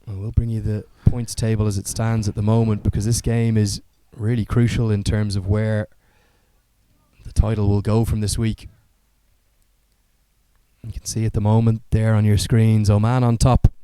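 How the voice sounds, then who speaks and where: A male cricket commentator calls live play in an articulate, fluent broadcast style. His voice is smooth and fairly dark, with an even pitch that stays controlled. He speaks like a practised play-by-play caller. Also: moderate pace, no room sound.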